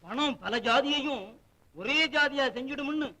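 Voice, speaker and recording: A man's voice: very high-pitched, unhurried, bright, forceful tone, full character voice. A fawning male servant. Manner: fawning, agreeable. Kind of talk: 1950s film drama acting.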